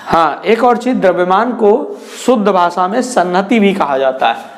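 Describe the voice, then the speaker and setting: Male tutor with a high voice. Lectures in Hindi, answers his own questions, restates every point. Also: expressive, normal speed. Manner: asks questions and answers them himself; repeats and restates phrases. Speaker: physics teacher. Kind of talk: classroom lecture.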